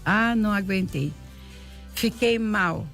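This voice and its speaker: Her mid-range voice is slow, creaky and a little bright as this woman, Brazilian Portuguese accent audible, recounts her faith story in an interview with soft music underneath. It's a heartfelt, repetitive telling, full of reenacted dialogue and prayers.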